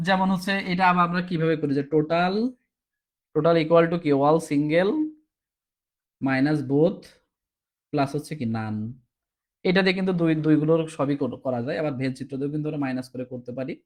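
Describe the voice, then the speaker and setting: A man's voice: on the high side, moderate pace, pauses often. A man teaching a recorded exam-prep class, explaining step by step and often asking "ঠিক আছে?", sounding tired. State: tired, low on energy.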